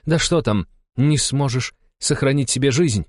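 A man voicing a cold, commanding noble countess in an audiobook, speaking in an icy, measured way. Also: mid-range voice, no echo, clean studio sound, pitched above the performer's own voice, natural voice.

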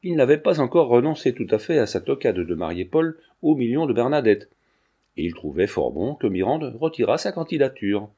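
A man narrating a classic novel as an audiobook in a steady, measured reading. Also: mid-range voice, breathy edge. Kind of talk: scripted narration.

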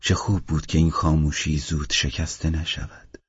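A man narrating a literary audiobook in a calm, measured reading voice with a husky tone. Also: a bass voice, no echo, dull audio.

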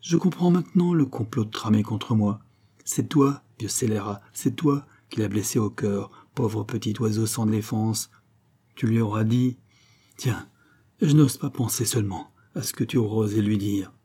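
A man voicing a moody, imperious young count, lovesick and emotional, with a husky voice. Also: fairly low pitch, normal speed, warm tone. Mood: indignant.

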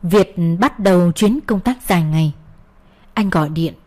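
A woman's voice: on the low side, lively intonation, moderate pace, a little mellow. A woman narrating a first-person story in an earnest, sorrowful reading style. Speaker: audiobook narrator.

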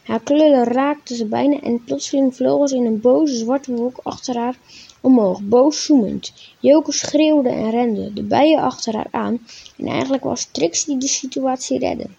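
A woman reading a children's story aloud in a clear, measured way, then talking to young listeners about faith. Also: sits high, mellow, highs cut off.

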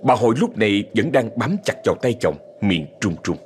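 A man's voice: fairly low pitch, fairly quick, a little hiss or hum. A man narrating a ghost story dramatically. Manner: dramatic, expressive.

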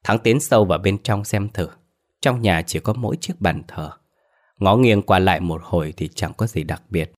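Deep-voiced male story narrator. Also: moderate pace.

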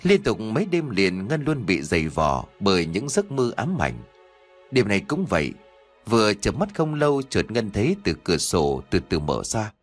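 A man narrating a horror story in a measured, dramatic storytelling manner as host of his own channel. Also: on the low side, big pitch swings, soft background music.

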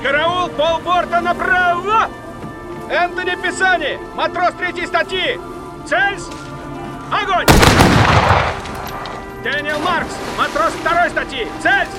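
An actor playing a dutiful sailor who calls out clipped, loud military commands in a dubbed war film. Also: male voice, very high voice, slow, pauses often, over loud music. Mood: formal, barking. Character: dutiful young sailor barking naval commands.

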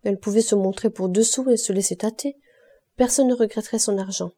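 A woman reading a classic novel aloud in steady, measured narration. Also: medium pitch. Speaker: audiobook reader. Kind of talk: scripted literary narration.

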